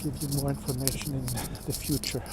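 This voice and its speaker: A vlogger, live-streaming a walk on city streets and narrating in an unhurried, hesitant way with fillers. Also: medium pitch, flat delivery. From Greece. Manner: unhurried, hesitant, pausing with fillers while walking. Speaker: vlogger giving a walking tour. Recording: loud outdoor street noise.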